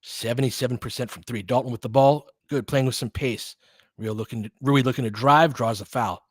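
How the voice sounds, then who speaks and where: Brisk and medium-pitched, this man keeps a fairly even intonation in a studio-quality recording with no room sound. Rooting openly for one team, he calls live basketball play-by-play informally, adding bits of analysis in short, slangy, conversational bursts.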